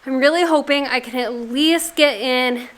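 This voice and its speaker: Chatty woman vlogger with a high voice, talking casually to camera. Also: moderate pace, heavy background noise. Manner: chatty, rambling, sighs. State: out of breath. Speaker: gardening vlogger. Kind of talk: casual vlog talk to camera. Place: garage, storm outside.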